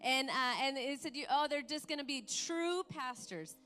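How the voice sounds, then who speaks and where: A woman missionary in her forties preaches in a church, her voice sitting high. She is emotional, laughs often and stumbles into restarts, then builds into fervent declarations. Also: expressive, unhurried, fairly bright tone. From United States. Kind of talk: sermon with live interpreter.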